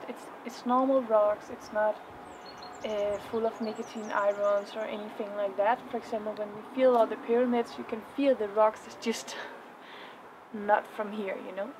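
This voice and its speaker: A soft-spoken woman in her thirties vlogs from a rock cave on a mountainside, her voice slightly high and her speech dreamy and halting. The camera mic sits a few metres off, and steady outdoor noise runs underneath her. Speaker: vlogger. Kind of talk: casual spiritual vlog.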